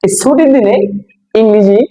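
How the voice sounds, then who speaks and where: Male teacher from Bangladesh, higher register, patient drilling style, asks and answers his own questions. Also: normal speed, warm tone, a little hiss or hum, rough recording. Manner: repeats each word and quizzes listeners with questions. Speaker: English teacher. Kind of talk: classroom-style vocabulary lesson.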